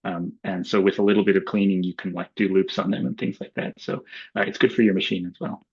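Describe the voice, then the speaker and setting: An Australian man presenting a webinar in a casual, relaxed way, with frequent ums and uhs. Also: low voice, fast, gravelly, breathy edge. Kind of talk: relaxed webinar talk with slides. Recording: dull lo-fi webinar audio.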